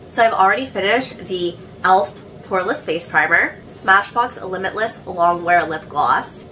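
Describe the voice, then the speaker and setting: A woman's voice: on the low side, pushed and bright, distant mic, a little hiss or hum, low-quality recording. A young woman chatting casually as a beauty vlogger, sounding a little sick with a cold and saying "like" a lot. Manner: chatty, says "like" often. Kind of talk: casual chat.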